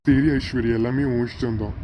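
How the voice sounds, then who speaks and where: A woman voicing a gentle, devoted young fiancé, speaking softly and reassuringly in an amateur serial. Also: very deep voice, steady tone, a little fast, background noise.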